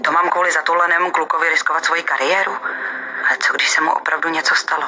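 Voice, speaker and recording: A woman's voice: low-pitched, level tone, pushed and bright, a little hiss or hum, rough recording. A woman voicing a policewoman detective with a dry inner monologue in an audio detective game. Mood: wary. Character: wary young policewoman detective.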